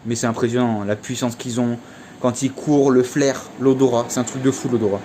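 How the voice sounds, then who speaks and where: A man's voice: medium pitch, fairly even intonation, brisk, dark tone, a little hiss or hum. A young man telling a casual story in a vlog, chatty and slangy, full of fillers. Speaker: vlogger.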